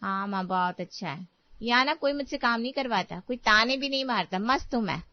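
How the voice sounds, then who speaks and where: A woman's voice: fairly high pitch, lively intonation, brisk, dry recording, dull audio, lightly acted. A woman voicing a sulky young adult daughter who reproaches her mother. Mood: reproachful.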